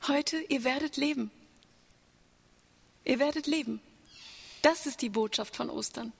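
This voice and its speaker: A woman's voice: high voice, unhurried, vocal fry, slightly rough. A woman preaching an Easter sermon, earnest, asking the congregation rhetorical questions. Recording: long church reverb.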